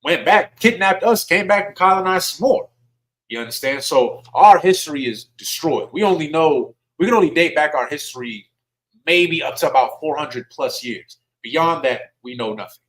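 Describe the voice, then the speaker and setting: A man teaching at a religious service gives a conversational sermon, reading scripture and putting questions to his listeners in informal speech with dialect words like "y'all." His voice is a little high, expressive, and fairly bright, at a moderate pace, and the recording is rough.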